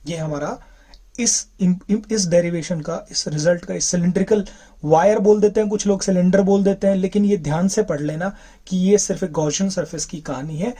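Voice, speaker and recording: Husky male physics teacher, quizzing. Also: high-pitched, fairly even intonation, moderate pace, mellow. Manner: asks questions and answers them himself. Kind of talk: classroom lecture.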